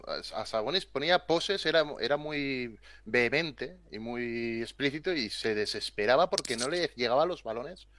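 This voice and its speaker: A man's voice: medium pitch, lively intonation, moderate pace, few pauses, fairly bright tone. A man from Spain hosting a casual interview, asking questions in a teasing way and laughing easily. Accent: Spanish from Spain. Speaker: host and interviewer.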